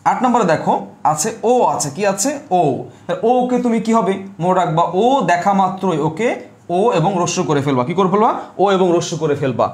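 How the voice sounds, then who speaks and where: A man's voice: high-pitched, lively intonation, a little fast, roomy sound. A man teaching an online class. He repeats each rule and keeps checking whether students understood. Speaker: Bengali language teacher.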